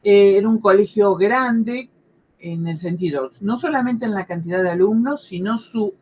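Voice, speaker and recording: A woman in her sixties from Argentina with a Buenos Aires province accent, a history teacher speaking as an interview guest and recalling her schooling, often pausing with fillers and restarting. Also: mid-range voice, mellow, muffled recording, a little hiss or hum. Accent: Argentine Spanish, Buenos Aires province. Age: 60s. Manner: hesitant, many fillers and restarts. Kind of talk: conversational interview.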